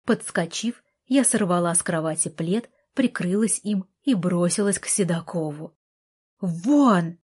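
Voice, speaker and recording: A woman narrating a romance audiobook in the first person. Her voice sits low and husky, and she reads with clear expression. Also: normal speed. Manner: expressive reading, voicing the heroine with passion.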